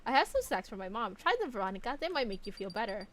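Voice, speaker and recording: A woman's voice: mid-range voice, big pitch swings, fast talker, a bit bright, no room sound, voice pushed down. A woman voicing a caring, earnest young granddaughter, speaking in a pleading, heartfelt way.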